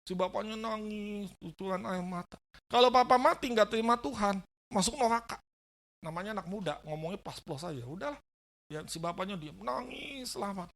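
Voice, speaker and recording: A man's voice: high-pitched, lively intonation, normal speed, gravelly, fairly bright tone. A man preaching a sermon as a pastor, telling stories animatedly, acting out the dialogue and asking the congregation questions. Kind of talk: sermon with storytelling. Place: church service.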